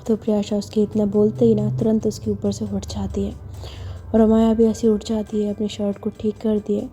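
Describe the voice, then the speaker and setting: A woman's voice: medium pitch, monotone, normal speed, mellow, soft background music. A woman narrating a romance story in a chatty, conversational retelling style. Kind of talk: casual spoken story narration.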